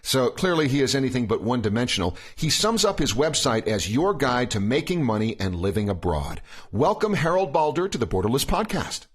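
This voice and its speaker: Husky-voiced male podcast host, lively pitch. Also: a little fast, few pauses. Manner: rambling, hedging questions. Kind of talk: casual interview questions.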